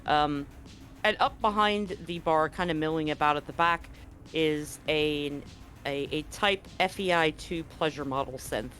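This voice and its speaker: A game master runs a tabletop roleplaying session conversationally, describing scenes and asking the players what they do. The voice is medium-pitched, fairly bright, and unhurried, with music playing underneath.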